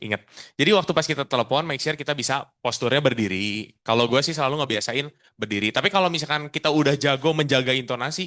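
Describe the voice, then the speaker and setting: A man, an insurance agent co-hosting, explaining phone tips to listeners in a relaxed, casual way. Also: medium pitch. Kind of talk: casual podcast chat.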